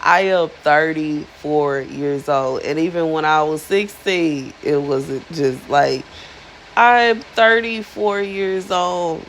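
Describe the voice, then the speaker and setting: A woman in her thirties, a spiritual influencer, chats casually to her viewers in a low, slow voice, using slang and emphasis and often repeating herself for effect. The recording is low quality with slight background noise.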